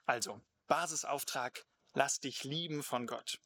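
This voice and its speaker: A man acting as pastor, reading a Bible passage aloud and then preaching a sermon in a measured, emphatic way with slow stresses. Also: medium pitch, bright, forceful tone.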